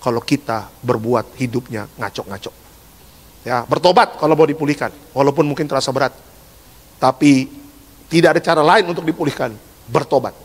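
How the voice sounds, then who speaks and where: A man preaching a lively, joking sermon, swinging between hushed asides and loud exhortation. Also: mid-range voice, a little fast, breathy edge. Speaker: pastor. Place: large church hall. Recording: reverberant church hall.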